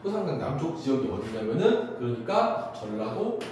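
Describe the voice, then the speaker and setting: A man teaching a class, lively and talkative, asking questions and then answering them himself. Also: medium pitch, normal speed, background noise. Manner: animated, asks and answers his own questions. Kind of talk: classroom lecture. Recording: distant echoey classroom recording.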